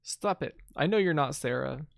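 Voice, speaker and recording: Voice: mid-range voice, lively intonation, normal speed, creaky, no echo, studio quality. A player voicing a defiant, devoted lover while reading video game dialogue aloud. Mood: defiant, stubborn. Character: defiant devoted lover refusing a devil's deception.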